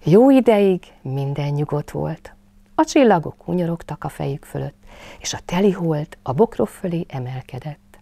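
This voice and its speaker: A woman narrating a children's storybook slowly, dropping to a soft hush. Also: sits low, lively intonation, vocal fry. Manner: slow, hushed, soothing narration.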